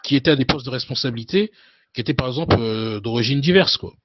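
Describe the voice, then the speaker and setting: A man in his thirties talks through his story as an interview guest. He is loose and relaxed, fills his pauses with hesitations and conversational tags, and his pitch sits in the middle. The sound is dry and a little dull. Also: no room sound. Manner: loose, with frequent hesitations and "you know" tags.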